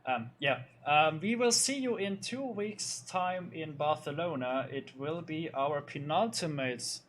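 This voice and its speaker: A man's voice: fairly high pitch, lively intonation, unhurried, fairly bright tone. A man commentating a sim racing league, loosely going over the results with many fillers and restarts. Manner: loose, hesitant, lots of fillers. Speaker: race commentator.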